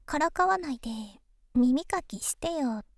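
A woman voicing an affectionate, teasing young girlfriend in an ASMR ASMR role-play, soft and coaxing, intimate pillow talk. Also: high voice, expressive, a little slow, dry recording, studio quality. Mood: tender, teasing.

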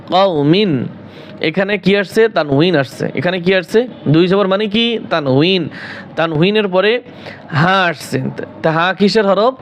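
A man teaching Quran recitation, spelling out words and asking questions he answers himself, then chanting drawn-out melodic readings. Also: sits high, slight background noise. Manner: drawn-out melodic recitation between quick explanations.

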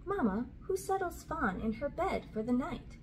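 This woman in her thirties has a high-pitched, very animated voice and a moderate pace as she reads storybooks and chats casually at a children's read-aloud. A camera roughly at arm's length captures her in a small curtain-backed indoor room, where background room noise is clearly audible.

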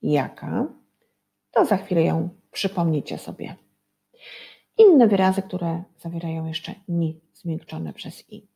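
A woman's voice: on the low side, big pitch swings, slow pace, vocal fry, pauses often, mellow. A woman teacher giving a reading and spelling lesson to young children, patient and drawing out each syllable. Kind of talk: early-school reading lesson.

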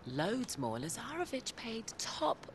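A woman's voice: a little high, wildly swooping pitch, slow pace, heavily acted. An actress playing a sly, flirty female treasure hunter in video game cutscene dialogue. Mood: wry. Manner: sly, teasing. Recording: game audio with ambient noise.

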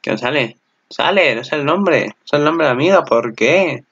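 A man giving casual commentary on an anime preview. He gets excited, laughs often and swears freely. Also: a little high, brisk, slightly rough, lo-fi sound. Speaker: anime channel host.

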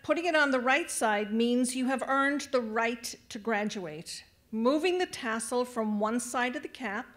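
A woman speaking at a graduation ceremony, addressing the graduates and guiding them through the tassel ritual from a podium microphone in a large venue. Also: a little high. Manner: warm, directing the crowd with instructions. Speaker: adult education staff speaker at graduation.

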